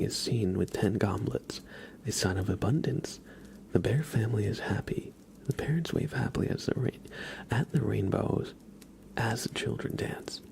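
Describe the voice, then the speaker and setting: A man hosts an ASMR livestream, giving casual tarot card readings and chatting with viewers in a low, breathy whisper with creaky voiced patches. He stays close to the mic, unhurried and hushed, pausing often.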